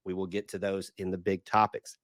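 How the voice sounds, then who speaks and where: A man with a hoarse, sick-sounding voice, hosting a casual sports podcast in an energetic, rambling way. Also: low-pitched, fairly quick, no echo, clean studio sound. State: hoarse from a cold. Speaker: podcast host.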